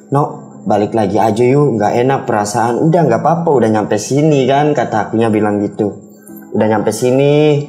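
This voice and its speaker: A man's voice: mid-range voice, warm tone. A young man recounts an experience casually, in a rambling, repetitive, colloquial way, slipping into quoted dialogue. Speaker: guest recounting a ghost experience. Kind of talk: casual spoken storytelling. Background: background music.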